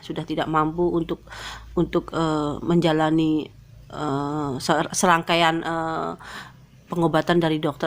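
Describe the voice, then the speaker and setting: A middle-aged woman telling a personal testimony, hesitant and full of fillers and restarts, growing high and strained with emotion. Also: a little hiss or hum. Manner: pitch rises high and tense as she grows emotional. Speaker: convert telling her testimony.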